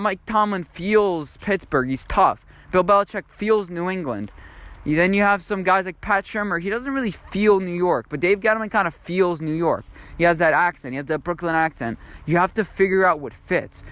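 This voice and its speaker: Young guy riffing on football, kinda high clear voice, lots of ums and restarts. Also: a bit bright. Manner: rambling, thinks aloud with fillers and restarts. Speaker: sports video host. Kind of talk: unscripted football commentary monologue.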